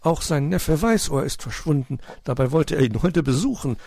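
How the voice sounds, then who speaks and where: A man voicing a kindly, calm old male owl uncle who hoots between his words. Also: fairly high pitch, moderate pace, creaky, dry recording, studio quality, voice pushed up. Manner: soothing, hooting "huhu".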